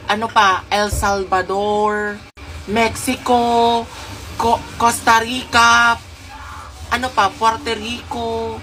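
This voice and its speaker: A woman's voice: medium pitch, bright, forceful tone. A woman chatting casually to her phone camera, gossiping and telling stories straight to her followers. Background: background music.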